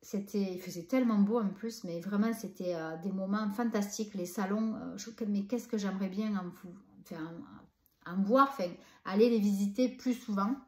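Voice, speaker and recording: A woman's voice: mid-range voice, normal speed, roomy sound. A woman from southern France with a southern French accent, chatting enthusiastically about books she has read, with many hesitations. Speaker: book vlogger. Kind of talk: casual book review.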